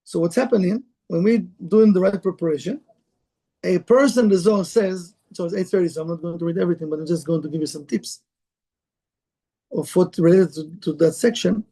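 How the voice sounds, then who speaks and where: Teaching Kabbalah to a live group, a man with a high voice and dark tone speaks a little fast in broken English. The spiritual lecture is informal and conversational, and he asks the room questions.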